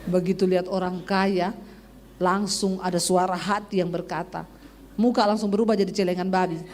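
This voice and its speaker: A middle-aged woman pastor, preaching a sermon and telling a lively personal story, acting out the dialogue. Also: on the low side, moderate pace, a little hiss or hum. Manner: lively testimony, acting out dialogue in different voices.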